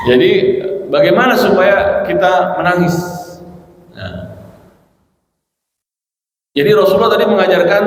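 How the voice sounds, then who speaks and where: A male Islamic preacher giving a relaxed, conversational dawn sermon with questions and answers, recorded in a mosque hall. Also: sits high. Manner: relaxed, conversational, with tag words. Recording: echoey hall with faint noise.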